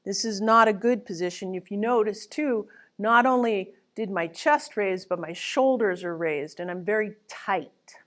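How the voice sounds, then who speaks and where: Female tai chi instructor, unhurried delivery, calm and gentle cueing, mid-range voice. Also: mid-range voice. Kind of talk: instructional movement lesson, spoken cues.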